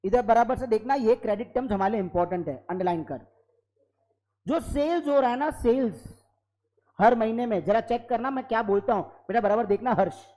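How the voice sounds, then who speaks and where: A man teaching an accounting class live in a classroom, lively and constantly prompting students for yes or no. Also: extremely high pitch, a little fast, rough recording. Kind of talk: classroom lecture.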